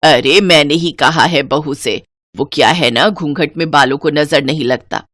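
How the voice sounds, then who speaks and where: A woman's voice: low voice, unhurried, a bit bright, no echo, voice pushed down. A woman voicing a strict, old-fashioned older mother-in-law in a cartoon story, scolding and commanding her daughters-in-law. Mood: smoothing over.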